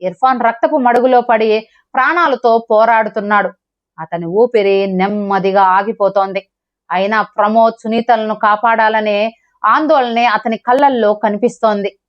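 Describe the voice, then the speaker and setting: Female storyteller, dramatic scripted narration, fairly high voice, dull lo-fi audio. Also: moderate pace. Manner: steady, dramatic storytelling delivery. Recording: dull lo-fi recording.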